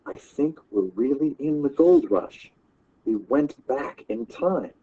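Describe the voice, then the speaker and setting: A man's voice: mid-range voice, expressive, slow, warm tone, breathy edge, dull audio. A man reading aloud in a classroom story lesson, voicing a curious young boy who plays a computer game.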